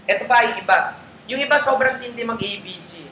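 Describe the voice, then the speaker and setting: A man's voice: very high voice, a little fast, bright, forceful tone. A man coaching a group in a live training session, talking casually in Tagalog mixed with English and checking in with listeners often. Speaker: network marketing trainer. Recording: roomy echo, faint background noise.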